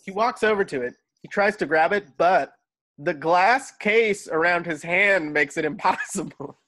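Pushed and bright, this man's high voice comes a little slowly as he narrates the stage directions. He's joining an informal online table read by video call from inside his home.

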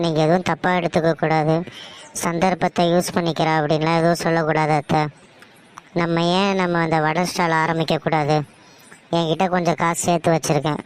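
A woman's voice: low voice, lightly acted. A woman voicing a polite, earnest young wife and daughter-in-law in a cartoon story, with a Tamil Nadu accent.

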